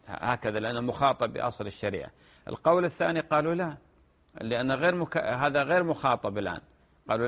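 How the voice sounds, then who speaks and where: A man, answering listeners' religious questions on a broadcast program in a measured, explanatory way that often repeats phrases. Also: mid-range voice, gravelly. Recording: dull lo-fi broadcast audio.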